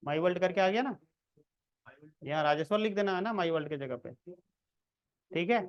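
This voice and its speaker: A man's voice: high voice, expressive, a little fast, clear, resonant tone, highs cut off. A man giving a casual screen-recorded coding lesson, talking the viewer through each step and checking in often. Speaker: programming tutor.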